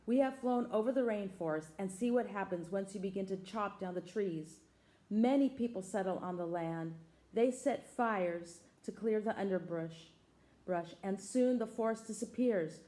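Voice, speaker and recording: A woman's voice: mid-range voice, normal speed, mellow, natural voice, rough recording. A woman voicing an urgent toucan that squawks its warning.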